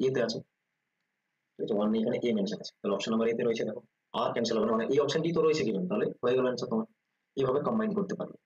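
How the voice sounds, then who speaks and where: Male math tutor, Bengali accent, rapid delivery, keeps checking understanding; muffled lo-fi sound. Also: medium pitch. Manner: quick, repeats "ঠিক আছে?" checks, explains step by step. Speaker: teacher. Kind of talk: exam-prep math lesson.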